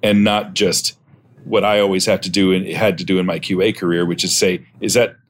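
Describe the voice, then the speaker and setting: A man's voice: deep voice, flat delivery, fairly quick, a little hiss or hum. A middle-aged man explaining things casually as an expert guest on a podcast. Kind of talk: casual explanatory interview talk.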